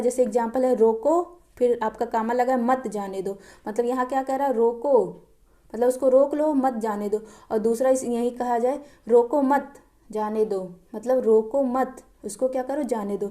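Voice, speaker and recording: A woman's voice: fairly high pitch, warm tone. A woman teaching an exam-prep lesson, posing questions to her listeners and answering them herself, repeating key terms.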